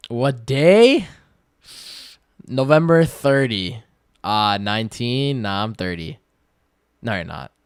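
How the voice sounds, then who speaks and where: A twenty-year-old man livestreaming, reading viewer questions aloud and answering in relaxed, slangy chat full of fillers. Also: mid-range voice, slow, long pauses, smooth, dry recording, studio quality. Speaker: day-trading livestreamer.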